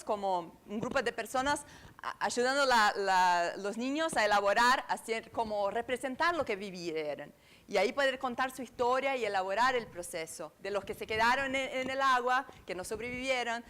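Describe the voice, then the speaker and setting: A woman with an Argentine Spanish accent gives a live lecture on astrology at a conference, her voice fairly high and fairly bright. She gropes for words with many fillers and restarts, checking in with the audience and seeking agreement through tag questions.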